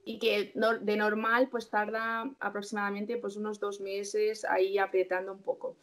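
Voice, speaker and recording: A woman's voice: mid-range voice, completely flat delivery, moderate pace. A young woman in her twenties, a resident doctor being interviewed, explaining steps casually with many fillers and self-corrections.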